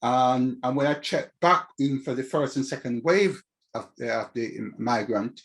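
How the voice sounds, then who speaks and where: A man's voice: mid-range voice, normal speed. Older man with a Caribbean accent. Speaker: interview guest, community activist. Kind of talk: reflective interview talk.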